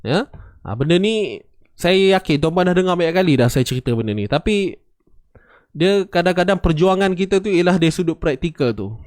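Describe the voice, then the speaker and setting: A man's voice: high voice, animated, fairly quick, a little mellow, no room sound, clean studio sound. A man teaching Quran recitation rules, patiently demonstrating and repeating sounds for his students. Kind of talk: tajwid lesson with recited examples.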